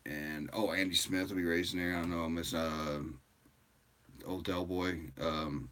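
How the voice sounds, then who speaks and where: A tired man hosting a livestream, chatting casually with viewers in a rambling, relaxed way. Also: sits low, measured pace. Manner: rambling and relaxed, with frequent fillers and laughs. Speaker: livestream host.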